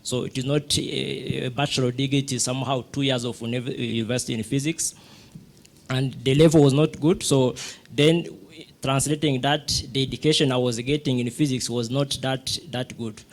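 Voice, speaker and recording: Speaking on a panel, a middle-aged physicist from Rwanda recounts his own story, stumbling into frequent restarts and filler words. He talks at a normal speed in a mid-range voice with fairly even intonation.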